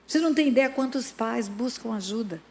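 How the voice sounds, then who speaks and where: A woman's voice: a little high, brisk. A woman pastor giving an emphatic sermon full of dramatic stories. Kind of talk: sermon with storytelling.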